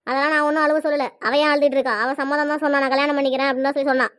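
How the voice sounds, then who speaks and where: A woman voicing a stubborn, sharp-tongued middle-aged mother in a cartoon, arguing defiantly in Tirunelveli Tamil. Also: sits high, little pitch movement, racing, dry recording. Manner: argumentative, defiant. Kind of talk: cartoon dialogue.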